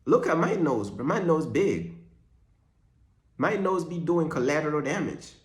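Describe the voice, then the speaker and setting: A young man from Uganda riffs through a faith vlog in loose, slangy talk, mixing jokes with preaching. His voice sits a little high for a man. The room around him rings with echo. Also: animated, unhurried. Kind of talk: casual faith vlog monologue.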